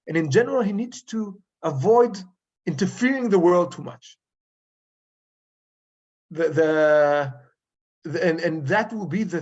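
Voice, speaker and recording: A male rabbi leads an informal Torah study session, his voice sitting a little high with a gravelly fry. He speaks haltingly, pausing often as he reaches for the right word. The recording sounds dull and lo-fi. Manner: halting, searching for English words with frequent pauses. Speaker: rabbi teaching a Torah class. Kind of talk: informal study-group lecture.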